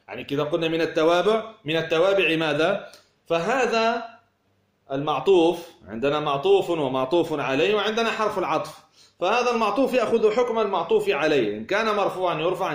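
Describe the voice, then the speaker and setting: A man teaching a grammar lesson, explaining with worked examples and asking the class rhetorical questions. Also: fairly high pitch. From Tunisia. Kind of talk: classroom lecture. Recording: echoey room.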